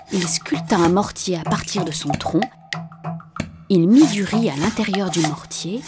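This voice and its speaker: A woman narrating a fairy tale in a calm, measured voice that sometimes drops to a hushed whisper. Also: on the low side. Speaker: storyteller. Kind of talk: storybook narration. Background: faint music.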